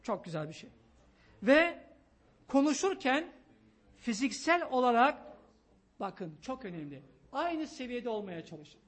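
A man giving an emphatic, excitable sermon on parenting, pleading with his listeners in a loud voice. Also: very high-pitched, unhurried, long pauses. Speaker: preacher.

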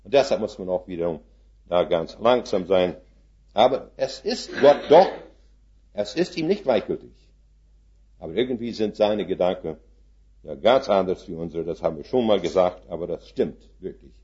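Older male preacher in his seventies, low voice, folksy storytelling sermon, mixes in English words, muffled lo-fi sound. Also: animated, normal speed, dark tone. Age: 70s. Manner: folksy, rhetorical questions to the congregation. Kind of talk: sermon with illustrative stories.

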